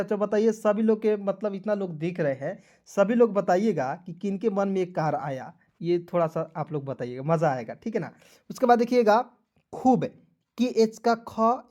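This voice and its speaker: A man's voice: high-pitched, darkish tone. A man teaches an online English spelling lesson. He spells each word letter by letter in a friendly way, keeps calling his viewers friends, and keeps asking if they follow. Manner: spells words letter by letter, often asking "ठीक है ना".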